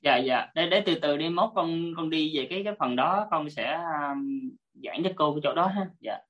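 A woman's voice: low voice, normal speed, fairly bright tone, highs cut off. A woman teaching an online class over a video call, politely explaining step by step and repeating her points.

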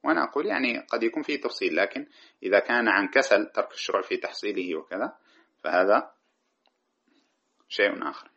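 Fast, husky low-voiced male teacher. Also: animated, pushed and bright. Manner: explains verse by verse, chanting cited poetry lines; corrects himself mid-sentence. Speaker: teacher of Arabic grammar. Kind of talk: lecture explaining a classical text. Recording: dull lo-fi recording.

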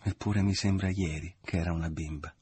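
A man's voice: low-pitched, fairly even intonation, fairly quick, a little mellow, slightly rough, no room sound. A man voicing a doting, naive middle-aged mother who talks in a gushing, sentimental way, in an audiobook reading. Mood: effusive.

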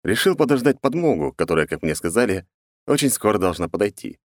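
A man narrating a first-person audiobook in a sardonic, deadpan manner. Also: lowish voice, brisk, no room sound, clean studio sound.

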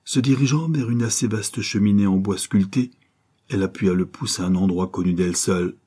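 A man narrating an old adventure novel aloud in a measured, dramatic way. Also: lowish voice, mellow, husky. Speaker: audiobook narrator. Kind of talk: scripted storybook narration.

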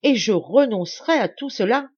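A woman's voice: on the low side, animated, moderate pace, slightly rough, no room sound, dull audio. A woman reading a furious, menacing estate owner. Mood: desperate. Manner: shouting, menacing. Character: furious middle-aged man, proud estate owner.

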